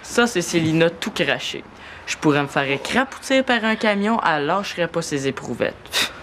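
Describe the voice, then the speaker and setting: A woman's voice: on the low side, lively intonation, normal speed. An actress playing a sarcastic young woman in a TV series, speaking with a Québécois accent and a teasing manner. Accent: Québécois French. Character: sarcastic young woman who teases her sister. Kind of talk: TV series acting. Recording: loud background hiss.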